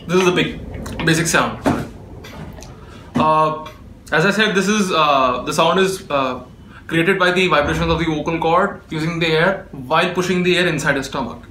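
A man's voice: a little high, normal speed, pushed and bright, slight background noise. A man from India, patiently explaining a technique step by step in a spoken tutorial. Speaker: beatboxer teaching. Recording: echoey room.

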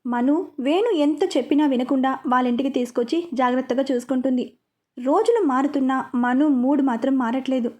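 High-voiced woman storyteller. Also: fairly even intonation, a little fast, warm tone. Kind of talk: storytelling narration.

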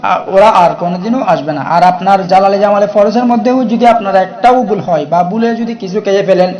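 A man with a notably high voice leads an instructional lesson on a devotional practice. He recites Arabic chants in a slow, deliberate cadence, then returns to plain explanation, often pausing to ask whether the listener is following. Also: darkish tone, dull audio. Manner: repeats 'okay?' to check the listener is following. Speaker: spiritual practice teacher. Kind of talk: instructional talk to viewers.

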